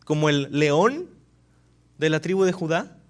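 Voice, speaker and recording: A male pastor delivers a sermon. He stays animated and keeps checking in with his listeners through rhetorical questions, his voice sitting a little high. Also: measured pace.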